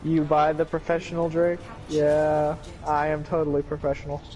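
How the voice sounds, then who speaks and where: Excitable male esports caster over game music. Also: on the high side, normal speed. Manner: excitable play-by-play with joking asides. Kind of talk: live play-by-play commentary.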